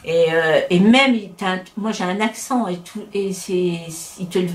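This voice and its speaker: A woman's voice: lowish voice, unhurried. A middle-aged woman from France talking in a casual interview, opinionated and chatty, often breaking off and restarting her sentences. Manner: talkative, opinionated, many restarts. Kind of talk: casual conversation. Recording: roomy echo.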